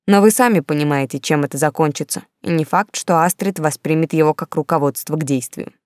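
Woman doing a calm reasonable ghostly duke. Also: sits low, brisk, no room sound, clean studio sound, lightly acted.

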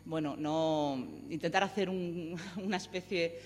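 A woman gives an earnest, measured testimony as a psychology lecturer at a round table. She moves between an academic tone and a personal one. Her voice rings with the long reverb of a large hall. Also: lowish voice, steady tone, a little hiss or hum. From Madrid, Spain.

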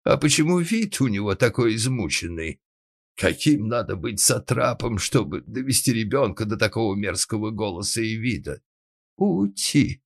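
A man's voice: lowish voice, lively intonation, normal speed, pitched above the performer's own voice. A man doing a bellowing huge outraged lady. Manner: roaring then cooing with baby talk. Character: huge loud middle-aged lady, bass-voiced, shrill.

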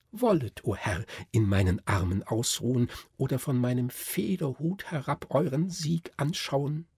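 A man voicing a gentle, courtly doll lady who speaks in soft, pleading tones. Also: mid-range voice, breathy edge, no echo, clean studio sound, pitched above the performer's own voice, full character voice.

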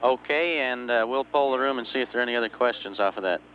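A man's voice: mid-range voice, quick pace. Male mission controller on narrow, noisy radio. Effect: radio transmission. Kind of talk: terse procedural radio calls, over walkie talkie. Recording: narrow-band walkie-talkie radio, hum and beeps.

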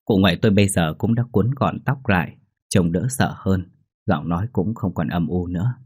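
A man narrating a ghost story in a steady, somber way. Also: low voice, moderate pace, breathy edge.

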